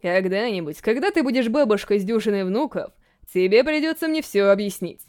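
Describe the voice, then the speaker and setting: A woman voicing a weary male king who speaks in a measured, dry way in an audiobook reading. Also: medium pitch, animated, darkish tone, natural voice. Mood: calm.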